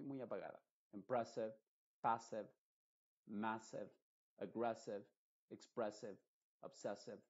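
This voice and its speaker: A man, teaching English pronunciation in an explanatory lesson and repeating example words slowly and carefully. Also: mid-range voice, dark tone, husky. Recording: dull lo-fi recording.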